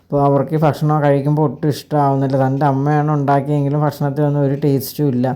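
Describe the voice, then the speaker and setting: A narrator recaps a TV serial episode at a brisk clip, the voice mellow and dark. The delivery stays level and flat, with little rise and fall, and short filler sounds bridge the sentences. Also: mid-range voice, smooth.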